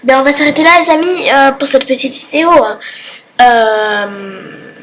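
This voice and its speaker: A woman's voice: high-pitched, animated, a little slow, fairly bright tone, a little hiss or hum, low-quality recording. A woman chatting casually over a game playthrough, informal and hesitant. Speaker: video creator.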